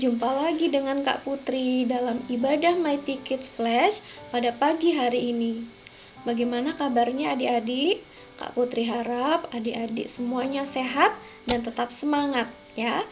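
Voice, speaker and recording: A woman teaching a children's Bible lesson in simple, coaxing, sing-song phrases, as if talking to small children. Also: a little high. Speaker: children's Sunday school teacher and host. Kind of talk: children's Bible lesson, addressing young kids directly.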